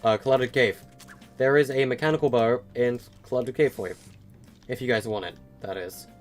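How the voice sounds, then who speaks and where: An eighteen-year-old man live-streams a game and chats loosely with his viewers, answering them in a rambling way full of fillers and stutters. His voice is medium-pitched at a normal speed, with faint music in the background.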